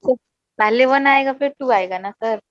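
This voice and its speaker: Hesitant young woman student, high voice. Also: moderate pace, dry recording, dull audio. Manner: hesitant, polite questioning. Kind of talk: questions in online class.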